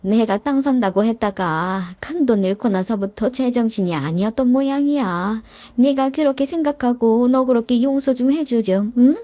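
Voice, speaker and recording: A woman voicing an elderly mother-in-law who laments slowly and pleads, in a dramatized story reading. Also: fairly high pitch, dark tone, dry recording, lightly acted. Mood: pleading. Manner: drawn-out lamenting delivery.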